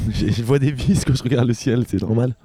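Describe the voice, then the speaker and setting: A man's voice: medium pitch, moderate pace, warm tone, slightly rough, no room sound. A man from co-hosting a podcast, chatting casually and teasing, often laughing. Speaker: podcast co-host. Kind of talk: casual chat.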